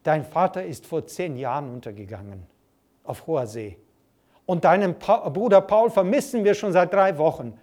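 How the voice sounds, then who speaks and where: A man voicing a frantic mother who pleads loudly with her son, told inside a sermon story. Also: on the high side, animated, moderate pace, close to an everyday voice. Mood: desperate pleading. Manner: loud pleading.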